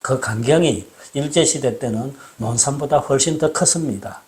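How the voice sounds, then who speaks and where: A man hosting a casual talk, explaining things in a measured, storytelling way, recorded indoors in an old house. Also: medium pitch, darkish tone. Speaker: host.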